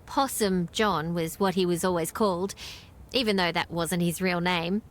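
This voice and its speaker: A woman's voice: on the low side, steady tone, moderate pace, natural voice. An actress with an Australian accent playing a friendly, knowledgeable small-town woman in video game dialogue, chatty and explanatory. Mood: informative.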